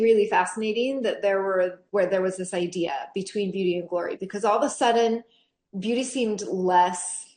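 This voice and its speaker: Lady teaching teens scripture, animated and chatty, echoey room. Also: medium pitch. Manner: chatty, animated, laughs often, lots of fillers.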